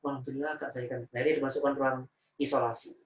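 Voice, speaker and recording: Fast-talking Javanese-accented male preacher, echoey room. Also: mid-range voice, distant mic, slight background noise. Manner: emotional, animated storytelling, mixing in Javanese words. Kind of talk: personal story in a religious talk.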